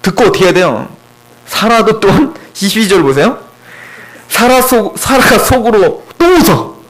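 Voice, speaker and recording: A man preaching an expository sermon as pastor, in an animated, conversational way full of rhetorical questions, in a church. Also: high voice, moderate pace, low-quality recording. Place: church sanctuary.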